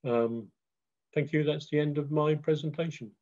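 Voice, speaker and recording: A man giving a slideshow history talk on a video call, steady, with frequent uh fillers. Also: a little high, normal speed. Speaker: guest presenter. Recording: dull lo-fi call audio.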